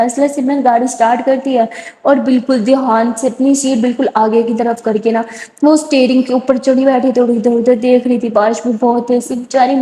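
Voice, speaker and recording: Woman storyteller, chatty casual retelling; high voice, echoey room. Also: mellow. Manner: chatty, filler-heavy retelling. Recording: roomy echo.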